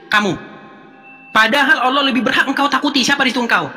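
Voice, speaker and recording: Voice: high-pitched, fast talker, pushed and bright. Suara cerah dan tajam, bicara cepat, jengkel dan menantang, bergema dengan musik samar. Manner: exasperated, challenging, repeats demands. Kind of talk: heated online debate. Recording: roomy sound with faint music.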